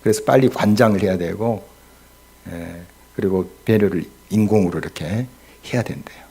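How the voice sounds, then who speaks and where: A male pastor delivers an earnest midweek sermon in a church. His low voice is gravelly and husky, and he swells loud on key words and poses rhetorical questions to the congregation. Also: moderate pace. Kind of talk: midweek prayer-meeting sermon.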